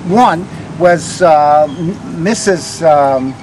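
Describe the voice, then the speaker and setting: Older man, slightly high pitch, tour storytelling, conversational pauses, soft trailing phrase ends, outdoor recording, faint traffic noise. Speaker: ghost walk guide, former vice principal. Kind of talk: live storytelling to a walking tour group. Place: outdoors on a town street.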